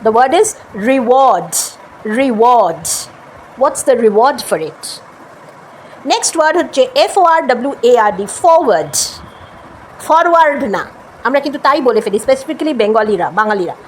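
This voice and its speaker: A woman with a Bengali accent who teaches English pronunciation and repeats each word, then models the correct form slowly. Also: high-pitched, animated, slight background noise. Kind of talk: spoken English lesson.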